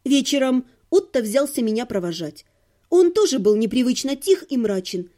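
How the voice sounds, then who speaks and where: A woman's voice: fairly high pitch, expressive, moderate pace, warm tone. A woman reading a humorous fantasy audiobook in the first person, with a wry, ironic manner. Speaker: audiobook narrator.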